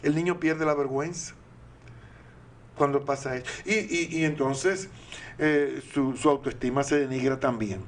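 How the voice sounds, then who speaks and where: A man's voice: medium pitch, steady tone, unhurried, slight background noise. An older man with a Dominican accent, giving earnest parenting advice on a talk show, often posing rhetorical questions. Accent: Dominican Spanish.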